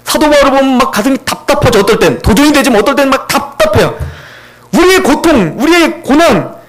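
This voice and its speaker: A man's voice: extremely high pitch, animated, a little fast, noisy background. A male pastor preaching a sermon in church with emotion, often asking the congregation questions.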